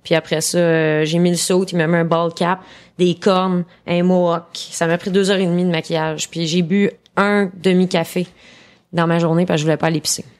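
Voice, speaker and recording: A woman's voice: fairly low pitch, flat delivery, fairly quick. A woman in her thirties with a Québécois French accent, a podcast guest who chats casually, tells stories with animation and laughs often. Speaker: guest comedian.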